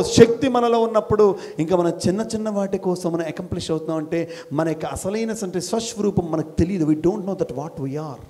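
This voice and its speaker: High-voiced man giving a rousing talk. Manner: fires questions at the audience and urges them to answer louder; repeats phrases in rising rhetorical chains. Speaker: motivational speaker and school principal. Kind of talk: motivational talk to college students. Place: college hall before students.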